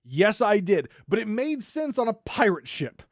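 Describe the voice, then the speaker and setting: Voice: medium pitch, big pitch swings, measured pace, no room sound, studio quality. A podcast host delivering an exasperated, sarcastic ranting monologue into a microphone.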